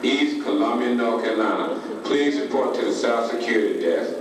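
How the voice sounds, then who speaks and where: A man making a formal, measured announcement over a PA system in a large museum hall. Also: mid-range voice, expressive. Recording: echoey hall from far off, noisy.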